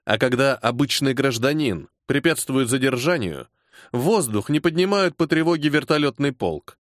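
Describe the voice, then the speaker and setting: A man's voice: mid-range voice, expressive, normal speed, no room sound, studio quality, natural voice. A man voicing a weary grumbling colonel. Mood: irritated. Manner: gruff, sarcastic, grumbling. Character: weary irritable older male colonel, security service chief.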